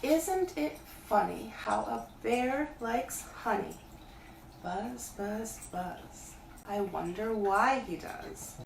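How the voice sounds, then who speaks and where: A woman's voice: medium pitch, lively intonation, slow pace, gravelly, voice pushed up. Woman voicing Winnie the Pooh, ponderous storybook bear, echoey. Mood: wistful singsong. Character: Winnie the Pooh, simple, earnest, honey-loving male storybook bear. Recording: echoey room, distant mic, faint hiss.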